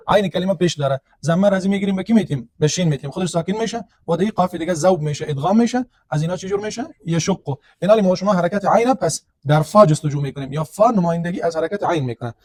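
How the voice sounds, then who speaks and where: High-voiced male teacher. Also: darkish tone. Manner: explains step by step, asks and answers his own questions. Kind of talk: classroom lecture on grammar.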